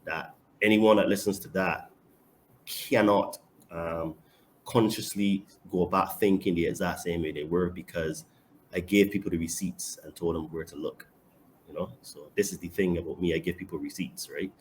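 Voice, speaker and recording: A Barbadian man talks on a casual podcast in a very low, deep voice. He is confident and emphatic, and his loudness jumps suddenly on the points he cares about. A light background hiss runs under the recording. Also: steady tone, normal speed. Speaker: podcast guest and online fitness coach.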